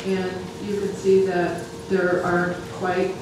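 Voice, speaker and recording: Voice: medium pitch, completely flat delivery. A speaker presenting data at a health planning council meeting, often restarting sentences. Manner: halting, many restarts. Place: large meeting room. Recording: echoey room from far off, noisy.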